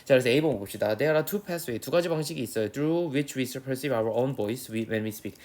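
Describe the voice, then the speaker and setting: A young Korean-accented English teacher with a medium pitch and a somewhat dark tone leads an exam prep session. He reads English sentences slowly and then explains them in rapid, easygoing talk.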